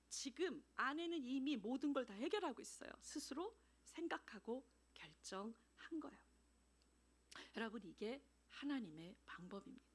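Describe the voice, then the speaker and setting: Woman missionary preacher: animated storyteller, voice high and swinging. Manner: animated, acts out dialogues, laughs often. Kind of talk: sermon. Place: church.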